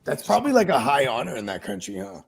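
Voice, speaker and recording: High, gravelly, husky-voiced man. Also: very animated, quick pace, a crowd in the background. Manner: jokey, slips into put-on voices for quotes. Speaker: podcast co-host. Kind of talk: casual chat.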